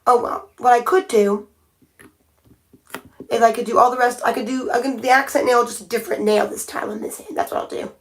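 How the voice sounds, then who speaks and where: She is a nail art livestreamer sitting by a window at home, talking casually as she paints her nails. Her fairly quick, steady voice sits on the high side. She thinks aloud and often begins her sentences again.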